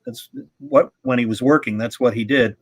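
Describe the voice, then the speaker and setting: A man's voice: mid-range voice, steady tone, normal speed, a little hiss or hum. A middle-aged man hosting a live radio-club stream, telling rambling, chuckling anecdotes in casual chat.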